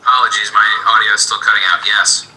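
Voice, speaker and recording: A man's voice: on the low side, flat delivery, quick pace, sharp tone, poor audio. A man, a town councilman, speaking briefly and apologetically on a remote meeting call whose audio keeps cutting out. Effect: choppy audio cutting out over a video call. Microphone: video call.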